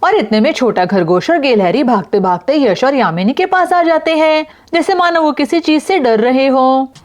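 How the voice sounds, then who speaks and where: A woman narrating a children's doll story in a lively storyteller's voice. She keeps the listener hooked with questions as she goes. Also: high-pitched, moderate pace.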